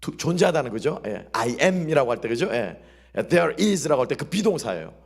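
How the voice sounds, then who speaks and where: A male pastor, preaching a sermon that keeps asking the congregation questions and drops into soft, quiet asides. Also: mid-range voice, big pitch swings, unhurried, vocal fry, slightly rough. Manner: call-and-response questioning of the congregation. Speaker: senior pastor.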